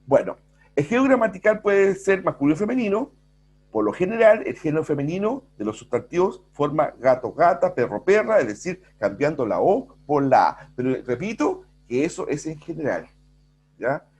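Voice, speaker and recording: A man's voice: on the high side, sing-song, moderate pace, darkish tone, husky. A middle-aged man, teaching a recorded grammar lesson and often checking in with the class. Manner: explains with many rhetorical checks and self-corrections. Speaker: school language teacher. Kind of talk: recorded virtual class lecture.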